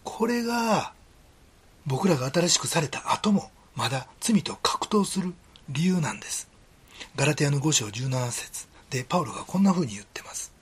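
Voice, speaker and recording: A deeply husky male pastor with a Kansai accent delivers a sermon. His pitch moves a lot from phrase to phrase, and he talks earnestly and conversationally, often dropping to a whisper. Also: lively intonation, moderate pace. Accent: Kansai Japanese.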